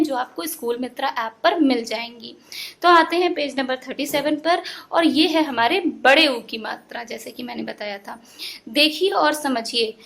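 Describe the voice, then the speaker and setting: A woman teacher giving an online phonics lesson, sounding out syllables slowly and explaining patiently to parents and children. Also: high-pitched. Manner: slow drawn-out syllable sounding.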